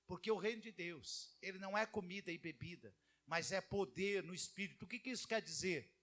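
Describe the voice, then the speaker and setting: A male pastor preaching a sermon in an animated way, acting out the people he quotes. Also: high-pitched, brisk.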